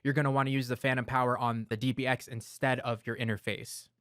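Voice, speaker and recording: An audio gear reviewer, a fast-talking man of medium pitch, explains his studio equipment step by step in a relaxed way, dropping the occasional filler word. He speaks close into a broadcast dynamic mic in his home studio, and the sound is dry with no room echo.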